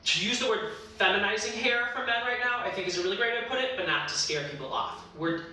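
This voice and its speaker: A man working as a hairstylist, giving casual advice in an expressive, encouraging way, speaking straight to the listener. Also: high voice, quick pace. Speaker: hairstylist and show panelist. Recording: very echoey room, distant mic, faint noise.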